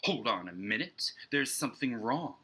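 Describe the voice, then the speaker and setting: Imaginative, eager boy narrator for a picture book, acted out by a man. Lively swings, husky tone, dramatic rhyme. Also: mid-range voice, moderate pace, exaggerated voice. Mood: eager, inventive. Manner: dramatic, emphatic, sing-song rhyme. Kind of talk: animated children's storybook read-aloud.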